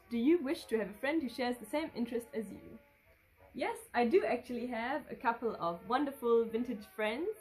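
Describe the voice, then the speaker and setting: In a living room with a red curtain and sofa, a vintage fashion vlogger in her twenties, a native German speaker, reads fan questions aloud and then rambles off the cuff. Her voice is fairly high and a little mellow, and the recording is rough.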